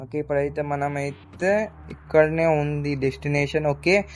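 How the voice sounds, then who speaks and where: A man's voice: on the high side, a little slow, slight background noise. A young man gives casual gameplay commentary, chatting with his viewers and calling out to people in the game. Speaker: gaming YouTuber.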